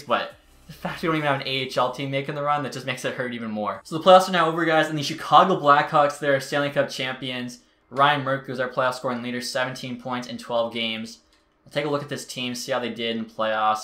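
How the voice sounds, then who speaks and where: A man's voice: mid-range voice, sharp tone. A man giving casual gameplay commentary as a YouTuber, chatty with exasperated outbursts. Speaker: gaming YouTuber. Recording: roomy echo.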